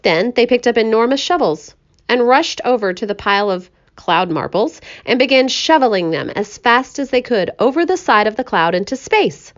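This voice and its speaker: A woman narrating a children's story aloud in an expressive, animated way. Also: on the high side, normal speed, highs cut off.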